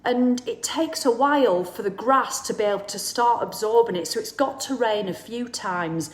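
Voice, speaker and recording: Here the host's voice sits fairly high and moves at normal speed in a roomy-sounding space. She's a woman in her 50s doing casual live talk to viewers: chatty, blunt, swearing, and acting out quoted people.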